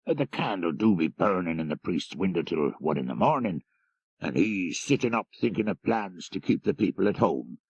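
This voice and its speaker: For an audiobook, a man gives a full character voice to a rural Irish jarvey driver, deferential, folksy and gossipy, telling local tales in a chatty way. His low, husky voice is expressive at a moderate pace, and the audio sounds dull with no room sound.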